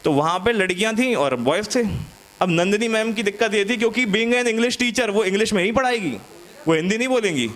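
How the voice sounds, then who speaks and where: A young male comedian with a high, light voice works through a stand-up set in a loose, chatty way. He teases the crowd and acts out little classroom scenes as he tells them. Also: lively intonation, brisk, fairly bright tone. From India.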